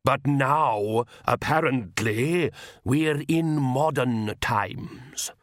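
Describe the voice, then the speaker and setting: A man voicing an ancient, courtly male vampire count who speaks slowly and with refined calm. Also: mid-range voice, dry recording, studio quality. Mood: wistful. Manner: slow, refined and unhurried.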